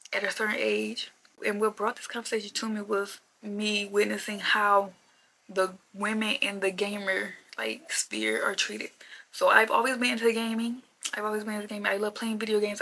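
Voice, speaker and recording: A woman's voice: medium pitch, bright, forceful tone, slight background noise, rough recording. A woman in her mid-twenties rambling casually to camera in a rant, repeating herself and filling with "like" a lot. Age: 20s. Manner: chatty, repetitive, lots of "like" fillers. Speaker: vlogger.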